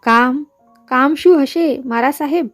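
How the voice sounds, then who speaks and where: A woman's voice: sits high, slow pace, dry recording, faint music behind. A woman voicing a shameless middle-aged merchant man with a Gujarati accent and broken, wheedling speech.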